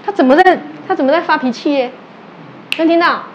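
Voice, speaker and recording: Storytelling with energy, this female religious teacher acts out quoted exchanges and asks her audience questions throughout her sermon. Her high voice moves fairly quickly, and her Taiwanese Mandarin carries Hokkien mixed in. The audio is dull, with slight background noise.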